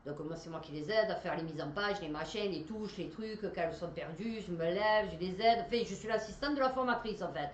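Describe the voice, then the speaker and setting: A woman's voice: on the low side, fairly quick, hardly any pauses, dull audio. A woman telling a personal story in a chatty, rambling way, with many fillers. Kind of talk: casual storytelling. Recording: roomy echo, faint background noise.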